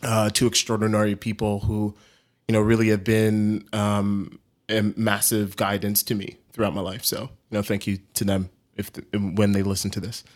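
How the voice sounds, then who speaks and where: A man's voice: on the low side, monotone, moderate pace. A young man talking casually as a podcast guest, laid-back, with lots of fillers and easy laughs. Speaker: guest, coffee brand founder.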